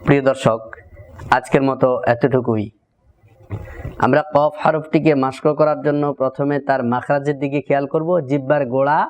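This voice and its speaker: A man with a Bangladeshi Bengali accent teaching Quranic letter pronunciation step by step, slowly drilling each syllable. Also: mid-range voice, darkish tone. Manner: slow, drawn-out drilling of syllables.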